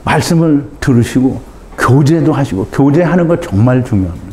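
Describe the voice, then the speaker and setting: A man preaching a sermon as a pastor, pleading and impassioned, swinging between shouts and low, urgent appeals. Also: expressive, brisk, a little hiss or hum. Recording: echoey room.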